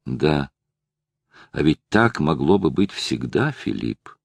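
A man reading the lines of a proud young woman in love, in a soft, subdued voice. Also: extremely low pitch, very animated, takes it slowly, gravelly, dry recording, voice pushed down, exaggerated voice. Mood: wistful.

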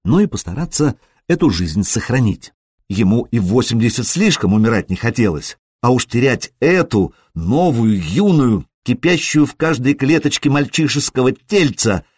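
A male audiobook narrator with a husky, slightly breathy voice and a pitch that rises and falls a lot. He reads in an expressive, storytelling style, recorded close up in a dry room. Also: no room sound. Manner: expressive reading that briefly acts out the characters.

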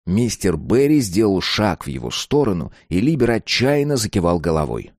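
A man narrating an audiobook in a steady, even storytelling manner. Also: on the low side, moderate pace, no room sound, clean studio sound.

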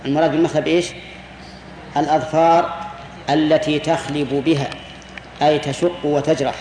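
A man's voice: on the high side, flat delivery, normal speed, darkish tone. Man teaching in a reverberant hall. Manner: explanatory, repeats key words, asks the students questions. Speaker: sheikh teaching Islamic jurisprudence. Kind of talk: classroom lecture with student questions. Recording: roomy reverberant hall with faint hiss.

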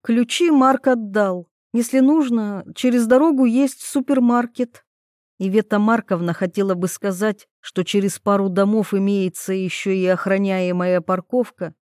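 A woman narrates an audiobook in a steady, even, mid-pitched voice. The recording is dry and close, with no room sound. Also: dry recording. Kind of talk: scripted narration.

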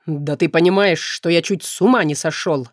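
A stern, brooding young nobleman, voiced by a woman reading an audiobook, speaks low and clipped. His lines sound held back and dark. The recording is dry and close. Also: moderate pace, no room sound, natural voice. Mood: agitated.

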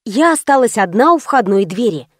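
A woman narrating a story in the first person, wry and brisk. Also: on the high side, big pitch swings, no room sound, studio quality. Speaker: audiobook narrator.

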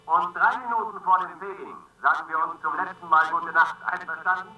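Sharp, high-pitched mission controller. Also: male voice, fairly quick. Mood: businesslike. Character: breezy male mission control radio operator. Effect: radio transmission filter. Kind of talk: German radio play acting. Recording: crackly radio link, faint noise.

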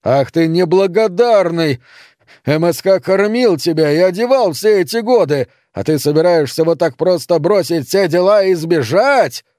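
A man's voice: fairly high pitch, measured pace, darkish tone, dry recording, studio quality, natural voice. A man voicing a furious, scornful old farmer father who barks his words. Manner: barking, scornful.

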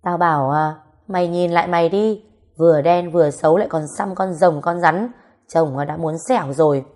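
A woman voicing a blunt, foul-mouthed grown woman who scolds roughly in a storybook reading. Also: on the low side, normal speed, darkish tone, lightly acted. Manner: rough, scolding, swears freely.

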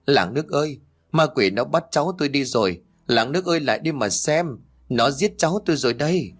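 A man's voice: animated, brisk, breathy edge. A man voicing a frantic, grieving older grandmother who wails and scolds in a raised voice. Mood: crying out. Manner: wailing, shrill scolding.

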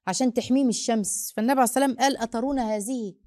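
A woman's voice: fairly high pitch, dry recording, studio quality. A woman with an Egyptian Arabic accent, hosting and answering listeners' parenting questions in a motherly way, calling the listener her daughter. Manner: rapid, animated storytelling with restarts. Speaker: host and family counselor.

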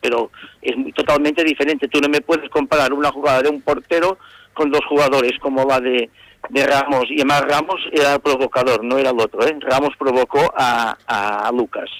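A man's voice: mid-range voice, steady tone, brisk, a bit bright, dry recording, low-quality recording. A man talking as a football pundit on a radio show, indignant and repeating himself as he rants about a match. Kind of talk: heated sports radio debate.

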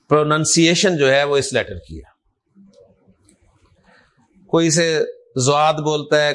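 A man's voice: fairly high pitch, a bit bright, poor audio. A man teaching Arabic letters to a class, drilling students with repeated prompts and frequent checks that they follow. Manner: coaxing, repetitive, frequent checks for understanding.

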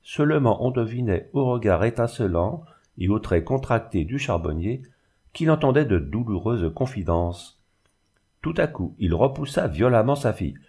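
A man reading a classic novel aloud as an audiobook narrator, in a measured storytelling manner. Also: lowish voice, animated, dark tone, husky.

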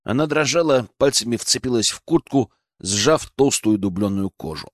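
A man's voice: medium pitch, lively intonation, normal speed, dry recording, studio quality. A man reading a first-person audiobook with dramatic expression. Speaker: audiobook narrator.

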